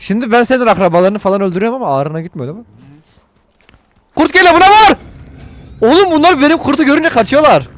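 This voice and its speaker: A man giving let's-play commentary to viewers while he plays, excitable and full of crude jokes and swearing. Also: very high-pitched, racing, few pauses. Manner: talks to viewers while playing. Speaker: gaming video host.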